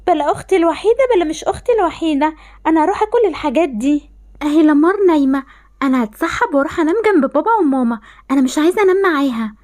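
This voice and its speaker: A woman's voice: high voice, rapid-fire, a little mellow, close to an everyday voice. A woman with an Egyptian accent voicing a spoiled, selfish older sister in a voiced game-animation story, talking in a bratty way. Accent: Egyptian Arabic.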